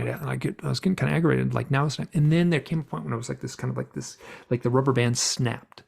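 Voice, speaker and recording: Gravelly man telling a story animatedly. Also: medium pitch. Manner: rambling, animated storytelling with many fillers. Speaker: guest. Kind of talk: storytelling interview.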